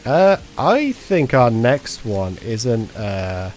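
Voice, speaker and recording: A man's voice: medium pitch, very animated, extremely slow, darkish tone, a little hiss or hum. A man giving casual, rambling commentary while playing a game, joking and muttering to himself. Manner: rambling, jokey, sings to himself. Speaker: streamer.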